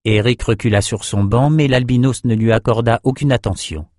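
A man narrating a fantasy audiobook in a measured, even storytelling manner. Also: medium pitch, no room sound, clean studio sound.

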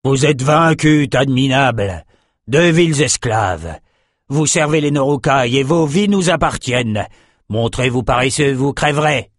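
A man's voice: mid-range voice, animated, no room sound, studio quality, voice pushed up. A man doing a cruel, contemptuous slaver captain. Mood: contemptuous threatening. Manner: slow, threatening, contemptuous. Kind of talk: audiobook character voice.

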